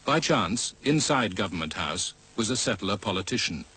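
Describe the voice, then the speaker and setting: A man giving measured, serious scripted documentary narration. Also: on the low side, sing-song, bright, forceful tone, a little hiss or hum, rough recording.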